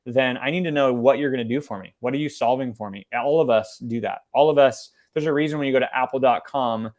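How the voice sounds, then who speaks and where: Guy running a marketing webinar, talks super fast and loose, lots of ums, regular mid voice. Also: mid-range voice. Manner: fast, energetic, conversational with fillers and restarts. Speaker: marketing presenter. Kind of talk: webinar presentation.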